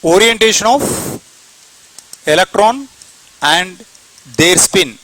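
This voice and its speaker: A man's voice: sits high, lively intonation, slow pace, bright, forceful tone, rough recording. A man with an Indian English accent teaching a chemistry class, repeating points and asking and answering his own questions. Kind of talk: classroom lecture.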